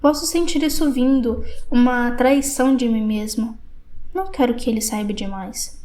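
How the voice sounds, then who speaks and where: A woman with a Brazilian Portuguese accent narrating an audiobook in a measured, reflective first-person reading. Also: fairly high pitch, dark tone.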